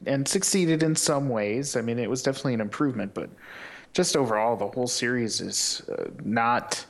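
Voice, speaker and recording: A man with a middle-pitched voice chats on a casual podcast. He talks eagerly and at length, with plenty of uhs and restarts. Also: fairly quick, vocal fry. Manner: enthusiastic, animated opinions with frequent fillers. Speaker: podcast co-host.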